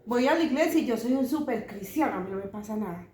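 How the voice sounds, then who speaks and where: A woman's voice: a little high, animated, fast talker, darkish tone. Earnest woman preaching in an echoey room. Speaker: bible study participant. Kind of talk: preaching explanation of scripture.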